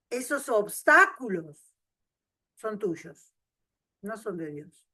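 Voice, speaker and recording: A woman pastor, preaching a sermon and swinging from loud emphasis to soft asides. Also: on the high side, dry recording.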